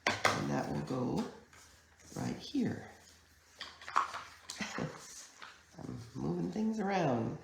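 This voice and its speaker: Croaky, slow-talking woman teaching card making. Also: sits low, animated, heavy background noise. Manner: chatty, unhurried step-by-step explaining. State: hoarse from a chest cold. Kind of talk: live online crafting class. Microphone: camera mic at a craft table. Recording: echoey room.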